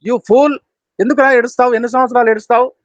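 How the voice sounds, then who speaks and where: A man's voice: very high-pitched, fairly even intonation, fast, dry recording. A man voicing God as a stern father, scolding with repeated commands. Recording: dull, dry lo-fi recording.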